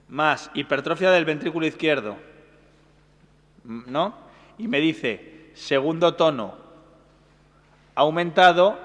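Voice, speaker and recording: A man teaching a brisk exam-prep medical lecture, often checking in with his listeners. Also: on the high side, fairly bright tone. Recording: hall reverb.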